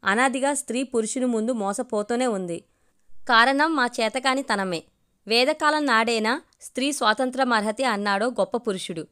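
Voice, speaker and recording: A woman's voice: on the high side, normal speed, a bit bright, clear, resonant tone, natural voice. A woman voicing a firm, dignified middle-aged wife and mother in a storybook reading, arguing in a reproachful way.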